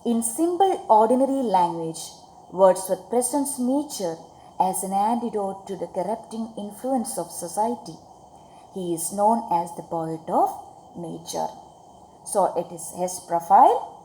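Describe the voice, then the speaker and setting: A woman's voice: mid-range voice, expressive, measured pace, warm tone. A woman with a Malayali Indian accent teaching a poetry lesson to schoolchildren, repeating phrases and asking check questions in a didactic way. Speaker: English teacher. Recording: echoey room, faint background noise.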